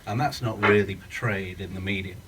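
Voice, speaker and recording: Over a loud crowd, a man with a low voice talks a little fast. He's the film's British writer-director, earnestly musing aloud at a post-screening Q&A and projecting since there's no functioning mic. It's captured as faraway room sound.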